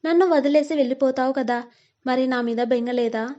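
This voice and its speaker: A woman's voice: high voice, brisk, dark tone, dull audio, lightly acted. A woman voicing a caring advising mother. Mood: earnest. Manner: earnest, instructive.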